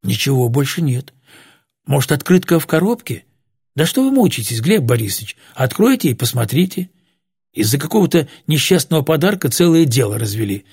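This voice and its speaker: A man's voice: mid-range voice, very animated, brisk, a little mellow, slightly rough, no echo, clean studio sound, heavily acted. A man voicing a brash young man who talks impatiently and mockingly. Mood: exasperated. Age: young adult. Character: brash young man, cocky former army sapper.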